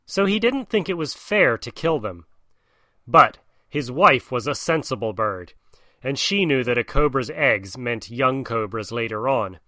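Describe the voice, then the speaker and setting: Man reading a storybook aloud, bright and dry. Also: medium pitch, measured pace, no room sound. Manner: expressive, animated narration. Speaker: narrator.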